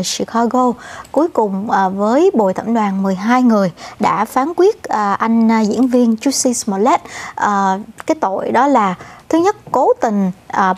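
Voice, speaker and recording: A female co-anchor telling the news in a relaxed, conversational way, often pausing on fillers and addressing the audience directly. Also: on the high side. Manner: many "à" fillers, addresses "thưa quý vị".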